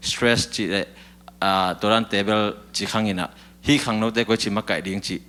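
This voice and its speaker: A man's voice: on the low side, fairly even intonation, normal speed, a bit bright, clean tone. A man in casual talk-show conversation, telling a long account in a chatty way with short fillers.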